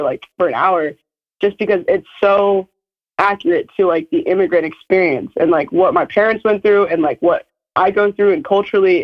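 A bubbly young woman in her early twenties talks in quick, chatty bursts, filling her sentences with "like." Her voice is a little hoarse. The audio sounds dull and lo-fi. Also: lowish voice. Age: early 20s. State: slightly hoarse from losing her voice. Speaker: guest filmmaker. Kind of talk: casual interview chat.

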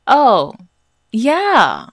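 A woman's voice: a little high, wildly swooping pitch, very slow, no room sound. A woman co-hosting a podcast, telling a story in a dry, mock-formal, gloomy-humored way. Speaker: podcast co-host. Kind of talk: casual chat, storytelling.

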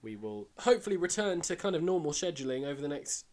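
A hoarse, worn-out man, co-hosting a podcast in casual, rambling chat. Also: a little high, fast talker. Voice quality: croaky. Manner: relaxed, rambling sign-off patter. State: hoarse, unwell and tired. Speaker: podcast co-host.

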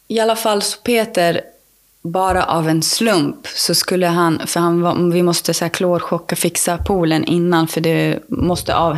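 Podcast guest lady, kinda low gravelly voice, rambles along with lots of fillers and restarts. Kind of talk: casual storytelling in conversation.

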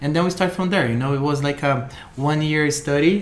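A man, a guest in a casual interview, speaking in a reflective, halting way with many fillers. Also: fairly high pitch, a little hiss or hum. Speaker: guest, architect and designer. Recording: echoey room with faint ambience.

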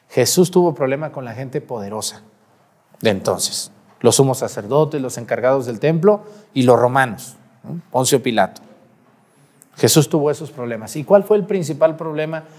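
A man's voice: medium pitch, a little mellow. A man speaking as a priest at Mass, reading scripture and preaching to a congregation, with a cathedral-like echo around his voice. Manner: addresses the congregation with rhetorical questions. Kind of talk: liturgical Gospel reading and homily. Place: large reverberant church. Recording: long cathedral-like echo of a large space.

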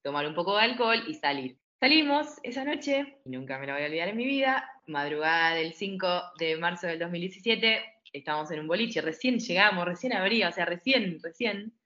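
A woman from Argentina in her thirties with an Argentine accent, telling her story in a lively way as an interview guest. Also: on the low side, a little fast, hardly any pauses, muffled recording. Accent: Argentine Spanish. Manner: lively storytelling, acts out quoted voices. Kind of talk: casual interview.

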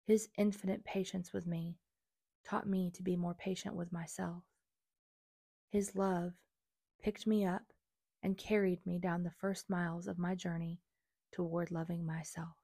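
Woman, confessional memoir narration, lowish pitch, dry recording. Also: little pitch movement, measured pace, gravelly, long pauses, warm tone, husky, no echo. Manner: earnest, confessional. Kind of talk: reading a personal memoir aloud.

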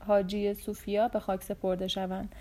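A woman's voice: medium pitch, monotone, warm tone, natural voice. Humble old architect, read by a woman. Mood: deferential. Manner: deferential, apologetic. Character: aged male royal architect, humble and careful.

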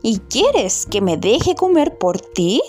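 A woman voicing a frightened, indignant runaway pancake in a children's story, crying out her refusals in a high voice. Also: sing-song, slow pace, a little mellow, faint music behind. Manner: high-pitched exclamations, insistent listing.

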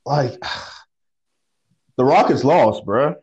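A man co-hosting a sports podcast over a phone line, talking casually with halting restarts and slang. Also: mid-range voice, expressive, a little mellow. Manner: halting, repeats words, slangy. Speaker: podcast co-host.

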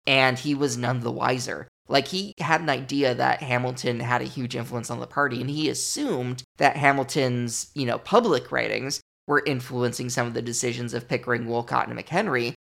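Wry, gravelly-voiced podcast host. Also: male voice, medium pitch, fairly even intonation, normal speed, hardly any pauses, fairly bright tone. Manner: wry, chatty, digressive. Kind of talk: casual history podcast commentary.

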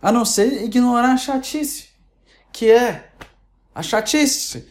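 A woman's voice: on the high side, takes it slowly, darkish tone. Sarcastic, rambling Brazilian woman. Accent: Brazilian Portuguese. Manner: sarcastic, rambling with many restarts. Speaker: online commentator. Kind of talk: casual opinion rant.

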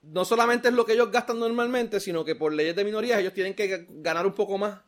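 A man with a Puerto Rican accent in a casual political chat, talking in quick bursts that repeat words and swear freely. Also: high-pitched. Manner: rapid, repetitive, swears freely.

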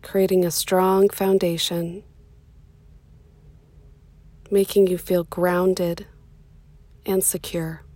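With a lowish, flat delivery, a woman talks listeners through a meditation in a slow, soothing manner. Short phrases are separated by pauses, her soft voice occasionally goes breathy, and there is no room sound.

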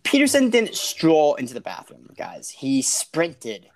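A young man co-hosting a podcast, telling a story in a dramatic, deadpan way. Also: on the high side, measured pace, gravelly. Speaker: podcast co-host. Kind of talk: casual storytelling.

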